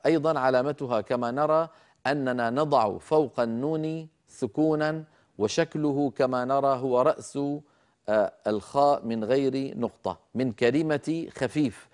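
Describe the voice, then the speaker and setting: A man teaching Quran recitation rules in a recorded lecture, explaining slowly and deliberately, repeating key points and pausing on drawn-out fillers. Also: mid-range voice, darkish tone.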